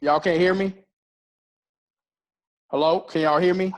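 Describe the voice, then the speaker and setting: A man's voice: sits high, steady tone, a little slow. A male college instructor taking roll call in an online class, his voice glitching and turning robotic over a bad internet connection. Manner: casual, repeats names while checking people off. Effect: glitching, robotic-sounding audio from a bad internet connection. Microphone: video call.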